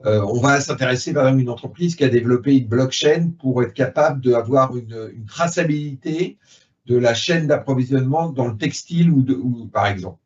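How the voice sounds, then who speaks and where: A man on a conference panel talks through how his fund invests, leaning on simple analogies and frequent fillers. His voice sits at a middle pitch, and the recording is dull and lo-fi. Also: fairly quick. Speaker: private equity fund director. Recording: dull lo-fi sound.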